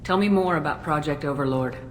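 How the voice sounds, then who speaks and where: An actor playing a stern, skeptical military commander in a video game, asking curt questions. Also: male voice, fairly high pitch, a little fast, in a large hall, a little hiss or hum, close to an everyday voice. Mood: stern, probing. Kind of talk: dramatic video game dialogue.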